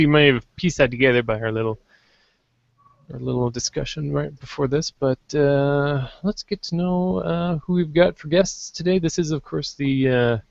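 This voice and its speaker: A man hosting a loose, jokey podcast, his voice sitting a bit high and sounding dry and close. The recording is dull and lo-fi, and he rambles happily between bits. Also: vocal fry, dry recording. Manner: joking, rambling, tries several silly intros. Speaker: podcast host. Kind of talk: casual podcast chat.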